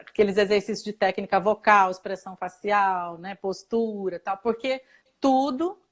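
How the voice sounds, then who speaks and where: A woman's voice: medium pitch, normal speed. A woman with a Brazilian Portuguese accent, a guest expert in a casual live chat, explaining at length with fillers and laughs.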